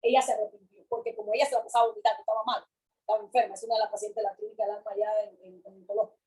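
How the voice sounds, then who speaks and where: A woman preaching a sermon with fervor, repeating her phrases and swinging between loud calls and hushed words. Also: medium pitch, flat delivery, very fast, poor audio.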